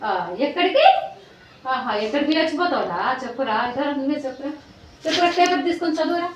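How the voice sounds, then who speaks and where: A woman as a scolding high-voiced schoolteacher. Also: expressive, quick pace, recorded from a distance, slight background noise. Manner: scolding, teasing, repeating commands. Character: stern mocking female village schoolteacher. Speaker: teacher. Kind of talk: comic skit acting. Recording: echoey room, voice from away from mic.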